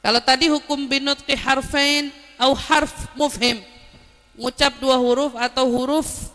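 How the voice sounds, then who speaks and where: A woman giving a lively religious lesson, explaining Arabic terms and telling anecdotes. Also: high voice, measured pace, in a large hall. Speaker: Islamic religious teacher.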